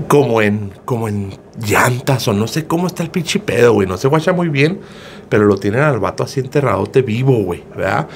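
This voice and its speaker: A man's voice: mid-range voice, lively intonation, normal speed, gravelly, slight background noise. A man, casually retelling a viral video as gossip, slangy and profane, with a filler word after nearly every phrase. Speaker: gossip storyteller.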